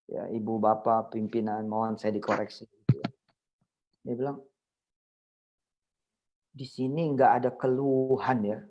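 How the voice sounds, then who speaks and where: A middle-aged man preaching in a virtual study circle, telling a story with lively swings, acting out prayers and scolding parents. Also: medium pitch, dull audio. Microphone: video call.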